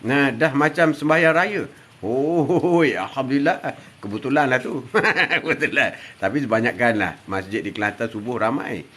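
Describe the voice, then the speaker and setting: Reading out viewer comments on a live stream, this older man speaks with a Malaysian Malay accent in a mid-range voice at normal speed, fairly bright and slightly rough. He chats casually, greeting people by name and teasing them with laughter.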